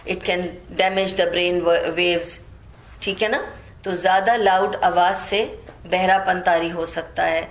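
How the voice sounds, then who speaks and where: A woman teaching Quran commentary, reciting verses slowly and then explaining them in mixed with English words. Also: lowish voice, reverberant.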